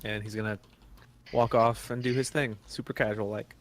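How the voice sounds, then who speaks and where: A man's voice: fairly low pitch, steady tone, normal speed, a little hiss or hum. A man playing a tabletop game, speaking hesitantly and politely with many fillers over an online call. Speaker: player. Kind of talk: in-character tabletop play.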